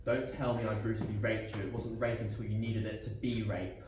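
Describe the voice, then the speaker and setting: A young man acting a bitter, furious husband live on a theatre stage, sarcastic and often shouting. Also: on the low side, little pitch movement, fairly quick, natural voice. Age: young adult. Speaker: student actor. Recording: echoey stage from far off, faint noise.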